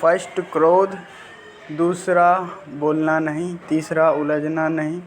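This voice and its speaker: A man's voice: fairly high pitch, flat delivery, slow pace. A man giving a disciple firm personal instructions, laying them out point by point. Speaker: spiritual mentor. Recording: noisy background.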